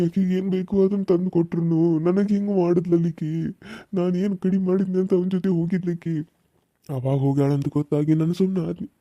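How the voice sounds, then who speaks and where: A man's voice: a little high, warm tone, no room sound, natural voice. A man voicing a heartbroken village husband, muffled. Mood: hurt angry. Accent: North Karnataka Kannada. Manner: anguished, emotional. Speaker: voice actor. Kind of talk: cartoon serial dialogue.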